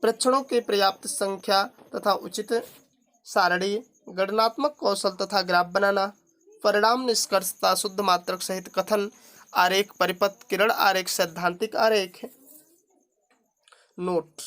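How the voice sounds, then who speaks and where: Teacher reading out a syllabus list. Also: male voice, sits high, steady tone, unhurried, a bit bright. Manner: reads through a long list item by item, adding brief remarks.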